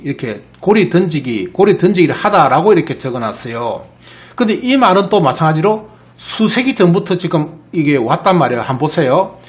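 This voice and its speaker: A man from the Gyeongsang region with a Gyeongsang accent, lecturing on word origins and checking in with rhetorical questions. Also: fairly high pitch. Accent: Gyeongsang Korean. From Gyeongsang region of Korea. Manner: explains with frequent rhetorical questions. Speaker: etymology lecturer. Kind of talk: lecture over slides.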